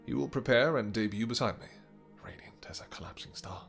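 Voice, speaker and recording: A man playing a possessive, doting vampire king in a romantic fantasy roleplay, speaking in courtly, old-fashioned phrases with hesitant pauses and endearments. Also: medium pitch, gravelly, faint music behind, lightly acted. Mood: soothing, devoted. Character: doting, possessive, vengeful male vampire king with horns and wings.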